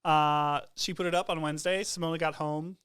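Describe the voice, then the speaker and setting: Smooth-voiced joking male podcast co-host. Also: fairly high pitch, steady tone, brisk, fairly bright tone. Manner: joking, teasing. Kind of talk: casual chat.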